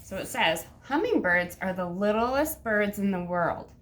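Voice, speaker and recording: A woman's voice: mid-range voice, expressive, unhurried, a little hiss or hum. A woman teacher talking like a kids show host to young children, with simple sing-song instructions and counting aloud.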